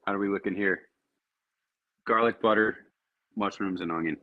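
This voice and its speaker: A man's voice: on the low side, fairly even intonation, moderate pace, narrow, tinny audio. A man hosting his own cooking vlog, chatting casually and thinking aloud as he grills. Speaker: cooking show host.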